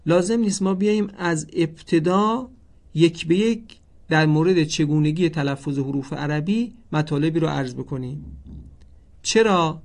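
A man teaching a Quran recitation lesson, speaking formally and slowly spelling out the names of the letters one by one. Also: a little high. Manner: slow, deliberate, stresses each letter; formal, addresses listeners politely.

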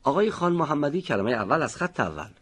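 A man teaching Quran recitation, explaining how to pronounce a letter and slowly sounding out example words. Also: a little high, sing-song, breathy edge. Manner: slow, deliberate pronunciation of example words. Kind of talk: instructional lesson. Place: recording studio.

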